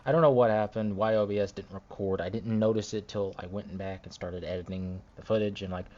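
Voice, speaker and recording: Grumbling low-voiced man on a dull recording. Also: steady tone, a little fast, a little mellow, slight background noise. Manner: grumbling, annoyed and rambling. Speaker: gameplay commentator. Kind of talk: voice-over commentary over gameplay footage. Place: home recording setup, voiced after the footage.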